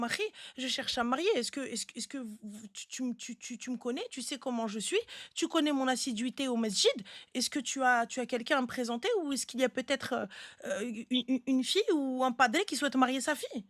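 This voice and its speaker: Recorded dry with clean studio sound, a woman with a higher-pitched voice hosts a live chat giving relationship advice. Her style is casual yet blunt and insistent, and she repeats words frequently for emphasis.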